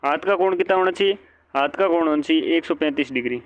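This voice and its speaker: A man with a fast, rather high voice and no room sound teaches an exam-prep lecture, answering the questions he asks and restating each point. The recording is dull lo-fi.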